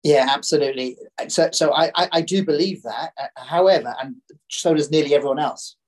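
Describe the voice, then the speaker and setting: A man with a croaky, coughy throat giving conversational market commentary as a podcast guest, often doubling back and repeating phrases. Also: on the high side, fairly quick.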